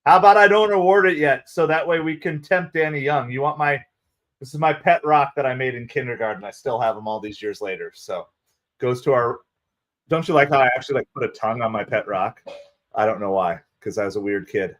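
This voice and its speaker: A man from New Jersey with a Jersey accent, hosting a live fan stream with chatty play-by-play and shout-outs to viewers. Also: mid-range voice, brisk. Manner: excitable, chatty, thanks viewers by name. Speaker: livestream host. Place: home streaming setup with green screen.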